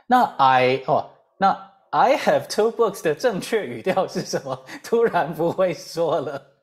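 Brief: Taiwanese-accented woman teacher, lowish pitch, animated lecture with drilled repetitions. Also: a little slow. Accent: Taiwanese Mandarin. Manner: animated, repeats drills and rhetorical questions, mixes in English phrases. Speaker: English teacher. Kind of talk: lively lecture.

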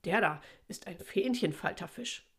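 A woman's voice: medium pitch, lively intonation, measured pace, slightly rough. A woman reading aloud, voicing a snooty, dismissive older brother fish. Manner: annoyed, condescending.

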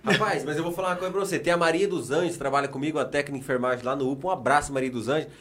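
Chatty Brazilian man, slightly high voice. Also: racing, fairly bright tone. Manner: chatty, storytelling, laughs easily. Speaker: co-host of a live show. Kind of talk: casual group chat.

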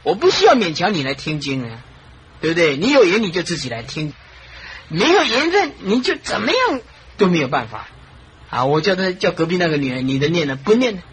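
A Buddhist monastic teacher giving a dharma talk, telling stories in an animated way, with frequent chuckles and repeated phrases. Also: mid-range voice, fairly quick, a little hiss or hum, rough recording.

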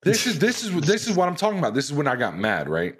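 A young American man telling a profane, animated story to friends on a podcast. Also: fairly high pitch, fast, a crowd in the background. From United States. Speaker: podcast host. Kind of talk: casual storytelling among friends.

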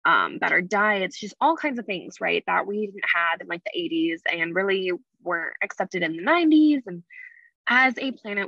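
A woman's voice: fairly low pitch, bright, forceful tone, no echo, dull audio. Candid podcast host woman, slightly slurred. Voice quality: slightly slurred S sounds from retainers. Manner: candid, rambling, frequent fillers and asides. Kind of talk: casual solo podcast chat.

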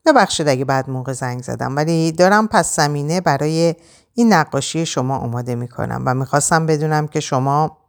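A man's voice: on the high side, natural voice. A woman narrator voicing a polite, hesitant male newspaper reporter calling on the phone. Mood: apologetic.

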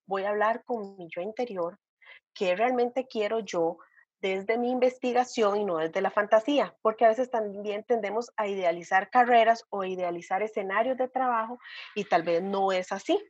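Earnest woman counselor, husky. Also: mid-range voice, moderate pace, dry recording. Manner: earnest, emphatic, repeats key points, asks rhetorical questions. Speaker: vocational counselor. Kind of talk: advice in podcast conversation. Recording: dull lo-fi dry sound.

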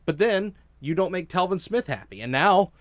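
A man co-hosting a sports talk show, arguing his opinions emphatically with quick restarts. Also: high voice, sing-song, dry recording.

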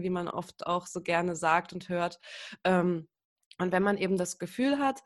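A woman coach explaining as a podcast guest, thoughtful and hedging, with many fillers. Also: medium pitch. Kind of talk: explaining in an interview.

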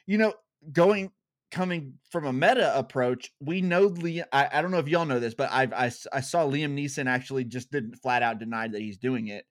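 A man's voice: medium pitch, moderate pace, no echo. Eager chatty male co-host, dry sound. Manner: eager, chatty, laughs often. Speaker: podcast co-host. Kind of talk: casual discussion.

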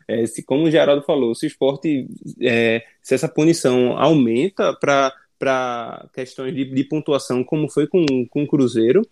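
Guy on a sports podcast, normal pitch, kinda halting, talks in little chunks. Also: darkish tone. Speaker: podcast panelist. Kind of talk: casual sports discussion.

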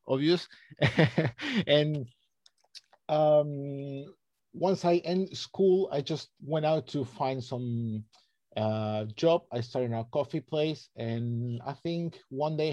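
A man's voice: mid-range voice, a little mellow, dry recording. Argentine man, friendly and hesitant. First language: Spanish. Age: 30s. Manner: friendly, hesitant, with non-native grammar. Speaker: guest, naturalist guide. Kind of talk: interview answers.

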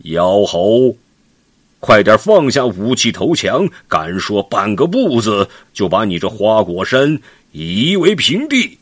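Man playing a giant warrior, shouting threats, husky, storybook. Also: lowish voice, big pitch swings, slow, no room sound, full character voice. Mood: bellowing. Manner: bellowing, threatening. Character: loud hulking giant heavenly general, male.

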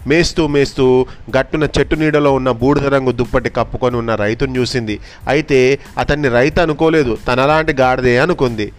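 A man reading a fable aloud in a slow, deliberate storytelling manner, then explaining its lesson to a child. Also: medium pitch, fairly even intonation.

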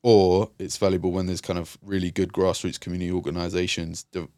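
A man's voice: sits low, little pitch movement, a little fast, darkish tone, no room sound, clean studio sound. A man working with young people, speaking reflectively in an interview with many fillers and restarts. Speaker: youth and community worker, guest. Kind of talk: conversational interview.

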